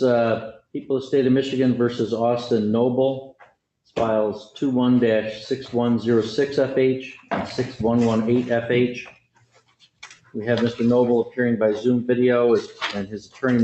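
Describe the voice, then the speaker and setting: A man serving as judge in a courtroom, speaking haltingly with many fillers and self-corrections. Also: medium pitch, mellow. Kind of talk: courtroom proceedings. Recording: echoey, dull courtroom audio with faint noise.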